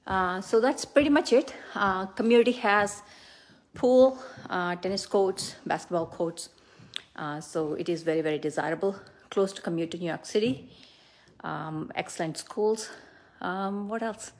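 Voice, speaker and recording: A woman's voice: medium pitch, moderate pace. A middle-aged woman, a real estate agent, giving a casual, unscripted house tour with upbeat praise for what she shows. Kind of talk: casual, unscripted walk-through tour narration. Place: indoors, walking through a house. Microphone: handheld phone.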